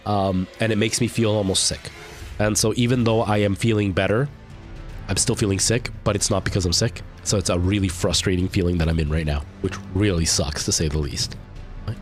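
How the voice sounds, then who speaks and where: Live-streaming a game, a young man with a fairly low voice chats casually with viewers, rambling and filling gaps with lots of fillers. His nose is stuffed up and he has a lingering cough.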